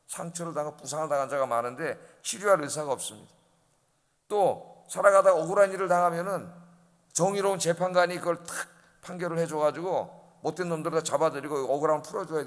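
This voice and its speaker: A man's voice: a little high, a bit bright, in a large hall. A male pastor preaching an early-morning sermon, emphatic and often asking the congregation questions. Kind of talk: dawn service sermon. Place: church sanctuary.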